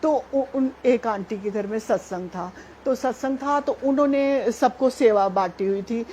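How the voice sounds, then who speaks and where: A middle-aged woman sharing a devotional testimony at a satsang, chatty and animated, often laughing as she tells it. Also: a little high, unhurried, slight background noise. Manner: chatty, animated, laughs while telling, many fillers.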